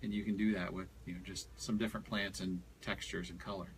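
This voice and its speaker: A fairly low-voiced man talks through garden layouts in a relaxed, explanatory way, with plenty of "you know" fillers. There is a faint hiss of noise behind him. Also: fast. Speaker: landscape designer guest. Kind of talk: casual radio talk.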